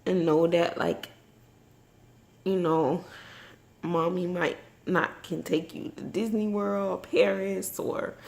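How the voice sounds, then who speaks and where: A woman vlogging in a personal, confessional way, emotional and tearful after crying, speaking haltingly and reflectively. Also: lowish voice, gravelly. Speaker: vlogger and mother. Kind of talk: personal, confessional vlog talk.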